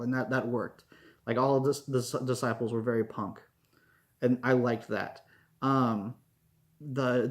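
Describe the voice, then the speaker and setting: A man talking through a review in an easygoing, rambling way, full of fillers and false starts. His voice sits at an ordinary middle pitch for a man. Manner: rambling, lots of fillers and restarts. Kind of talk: casual spoken review.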